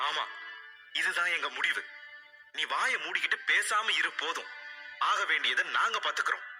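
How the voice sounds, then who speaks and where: A man voicing a sharp-tongued mother who scolds her daughter. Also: lively intonation, moderate pace. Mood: scolding. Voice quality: shrill, scolding. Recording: roomy reverb with soft music.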